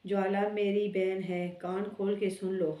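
A woman voicing a stern older brother officer who scolds his younger friend, read in her own flat storybook manner. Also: medium pitch, lightly acted. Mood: scolding. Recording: echoey room.

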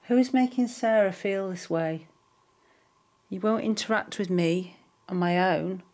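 A woman's voice: mid-range voice, unhurried, a little mellow. A woman paranormal investigator calling out to a spirit and coaxing others, in a coaxing way.

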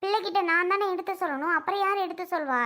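A woman's voice: very high voice, fast talker, sharp tone. A woman playing a stubborn middle-aged mother who scolds her grown daughter and argues with the family in a drama skit. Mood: scolding. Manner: scolding, argumentative.

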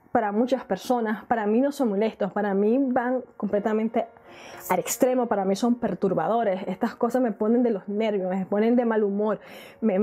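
Speaking to her viewers with a mellow voice on the high side, this married YouTube vlogger keeps things chatty and casual. She fills the talk with questions and laughs occasionally.

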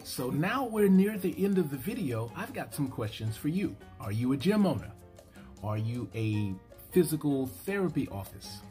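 A middle-aged man, a fitness trainer and equipment dealer, giving an earnest, persuasive sales pitch straight to camera from a small home office. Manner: earnest, persuasive, emphatic on key words.

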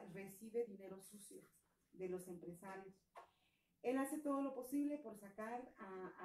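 A woman's voice: mid-range voice, warm tone. Earnest Guatemalan woman, distant and echoey. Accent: Guatemalan Spanish. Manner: earnest, explanatory, with frequent fillers and tag questions. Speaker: women's movement activist. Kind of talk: talk on political crisis.

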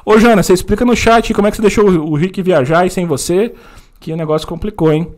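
A man's voice: high voice, darkish tone. A young man from Brazil hosting a casual live-stream chat, joking and teasing his guest in a small foam-padded studio. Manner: joking, teasing, quick banter. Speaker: host.

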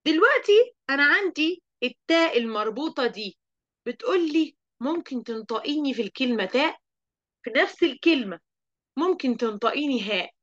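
Lively Egyptian woman teaching children. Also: high-pitched, fairly quick, highs cut off. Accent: Egyptian Arabic. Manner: lively, asks the class questions and answers them. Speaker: primary school teacher. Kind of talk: online lesson for young children.

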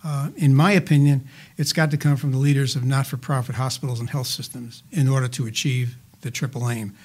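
An older man answering interview questions as a healthcare finance advisor, measured and statistic-heavy with frequent "uh" fillers and dry asides. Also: medium pitch, steady tone, a little mellow, husky.

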